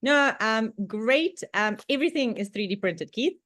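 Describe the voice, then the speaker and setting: A Czech woman with a Czech accent gives an online club presentation as a guest presenter over a video call, chatting away with frequent laughs and lots of fillers. Her voice sits on the high side and sounds animated and fairly bright at a normal speed. The audio is clean studio sound with no room noise.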